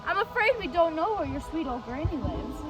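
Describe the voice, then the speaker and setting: A woman's voice: sits high, sing-song, a little fast, music in the background, low-quality recording. A woman playing sweet, chatty Prunella. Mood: cheerful. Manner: cheerful, curious, homey.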